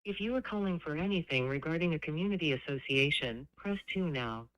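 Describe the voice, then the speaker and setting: A woman's prerecorded phone message reading out a company's menu options in an even, scripted announcer delivery, heard over a phone. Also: deep voice, brisk, dry recording, dull audio. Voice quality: crisp, evenly paced announcer delivery. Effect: recorded phone message.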